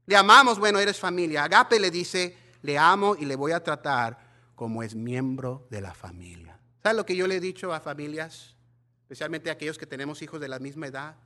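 Fiery bilingual preacher with a bright, high voice. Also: male voice, a little fast. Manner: animated preaching, mixing Spanish and English, acting out gossiping church members. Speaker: pastor. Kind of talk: bilingual sermon.

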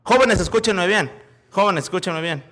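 A high-pitched man preaches a sermon. His voice is bright and ringing, and he talks in a folksy, joking way, jumping from loud calls to hushed asides as he tells stories. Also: normal speed. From Mexico. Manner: animated, swings from loud calls to quiet asides. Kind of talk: sermon with storytelling.

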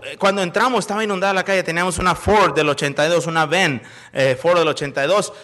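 A high-pitched man preaches a sermon. His voice is bright and ringing, and he talks in a folksy, joking way, jumping from loud calls to hushed asides as he tells stories. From Mexico. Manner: animated, swings from loud calls to quiet asides. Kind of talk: sermon with storytelling.

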